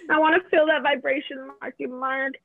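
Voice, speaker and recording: A woman's voice: sits high, fairly even intonation, brisk, a crowd in the background. A woman in her forties chatting casually, crude, profane and self-mocking. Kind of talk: casual chat. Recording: dry, tinny phone-like line.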